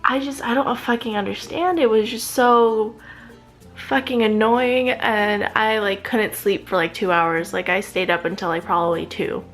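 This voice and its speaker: A young woman vlogging about her night, sounding indignant and worn out from lost sleep. She talks casually with lots of "like" and plenty of swearing, at a middling pitch. Faint music plays underneath. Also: steady tone, normal speed. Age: young adult. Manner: indignant, swears freely, many fillers. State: agitated and sleep-deprived. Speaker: vlogger, graduate student. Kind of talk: casual storytelling vlog.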